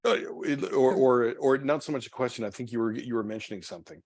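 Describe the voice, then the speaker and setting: A pastor leading a church study group, talking casually and haltingly with many restarts and repeated words. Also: male voice, mid-range voice, darkish tone. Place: church meeting room.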